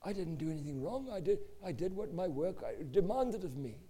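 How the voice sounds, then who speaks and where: A man tells an earnest sermon testimony, animated as he narrates. His voice is high-pitched with a mellow, dark tone. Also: brisk, breathy edge.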